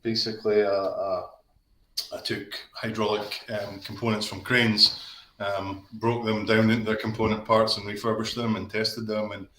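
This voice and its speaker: On a video call from his home office, a fifty-something Aberdeen man chats casually as a guest on a live stream. His voice is on the low side, flat, pushed and bright, at a normal speed, and his talk wanders with many fillers and restarts. The echoey, low-quality recording adds to the casual feel.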